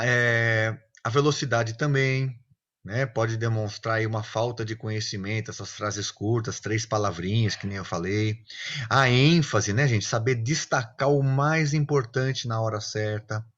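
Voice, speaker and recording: A man of middle pitch explains teaching tips in an online class. He talks in a casual, lively way and acts out his examples. The sound is a little dull and lo-fi. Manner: lively, acts out examples, often asks "né, gente?".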